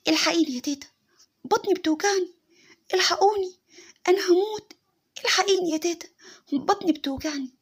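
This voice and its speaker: A woman's voice: very high voice, fast talker, pauses often, voice pushed up. A woman with an Egyptian accent voicing a small boy crying out in pain in a spoken story. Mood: wailing. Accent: Egyptian Arabic. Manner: wailing, pleading.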